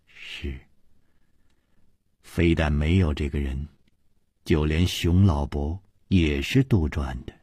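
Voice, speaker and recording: A man voicing a soft, sorrowful ailing woman. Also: slow pace, pauses often, dry recording, studio quality, exaggerated voice. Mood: weary. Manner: soft, low, breathy and subdued.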